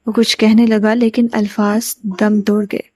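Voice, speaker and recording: A woman narrating a novel aloud in a steady, even storytelling manner. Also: medium pitch, no room sound. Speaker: audiobook narrator.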